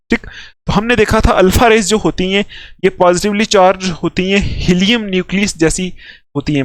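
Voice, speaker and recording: A young male chemistry teacher with a noticeably high voice explains a lesson point by point. He keeps pausing to check that his students follow. The sound is close and dry, with no room echo. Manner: explains step by step, checks in with "theek hai" after nearly every phrase. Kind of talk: classroom lecture at a whiteboard.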